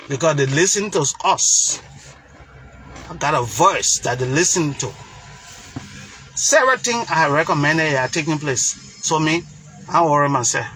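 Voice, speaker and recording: With a Liberian accent, a political commentator from Liberia gives an emphatic, preacher-like monologue, repeating phrases for stress. His voice is on the high side, bright and forceful, in a rough recording with a little hiss or hum.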